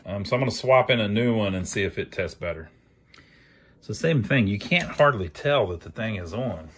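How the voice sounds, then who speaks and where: A man with a fairly low, breathy-edged voice narrates at a moderate pace, expressive and casual. He hosts an amateur electronics repair channel and talks through a hands-on fix in a folksy way, thinking aloud as he goes.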